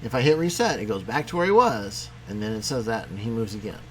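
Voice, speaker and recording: A man teaching a programming lesson in a casual, conversational way, talking as he clicks through software. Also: fairly low pitch, lively intonation, fast talker, slight background noise. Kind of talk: screen-recorded coding tutorial.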